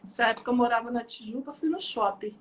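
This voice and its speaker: A woman, an author telling lively anecdotes about her book and laughing as she goes. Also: a little high, fast talker, noisy background. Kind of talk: casual storytelling talk.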